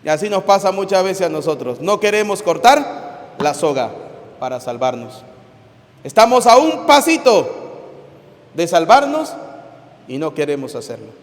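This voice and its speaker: Animated priest preaching in a reverberant church. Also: male voice, high voice, a little slow, long pauses. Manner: animated storytelling, swinging from loud to hushed. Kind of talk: homily and prayers at mass. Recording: church hall with long reverb.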